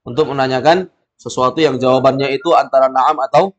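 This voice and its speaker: A man's voice: medium pitch, fairly even intonation, fairly quick, highs cut off. A man leads a language class, drilling his students and quizzing them. He corrects mistakes directly and keeps the lesson moving. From Indonesia. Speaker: Arabic teacher.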